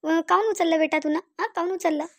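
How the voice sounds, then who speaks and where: A woman voicing a very high-pitched, nagging village mother. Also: fast, fairly bright tone. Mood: scolding. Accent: Varhadi Marathi. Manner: repetitive, nagging, tag questions. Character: fussy middle-aged village mother, scolding then soothing.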